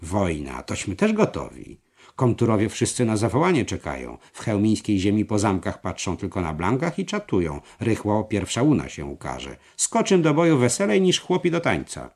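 A man voicing a fiery, bloodthirsty crusader knight who bursts into shouted outbursts. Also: fairly low pitch, wildly swooping pitch, moderate pace, slightly rough, exaggerated voice.

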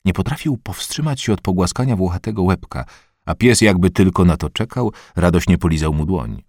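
A man narrating an audiobook in a measured, expressive reading voice on a close studio mic. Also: low-pitched, no room sound. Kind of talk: scripted narration.

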